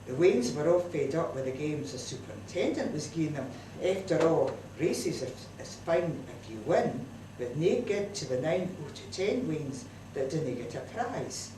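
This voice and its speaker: Broad Scots woman telling a comic tale. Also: low-pitched. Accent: Scottish, broad Scots. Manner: lively, chatty Scots dialect delivery. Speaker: storyteller at a community event. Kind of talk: comic monologue told as a mother's letter. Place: community centre hall, live audience. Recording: distant, roomy live hall recording with noise.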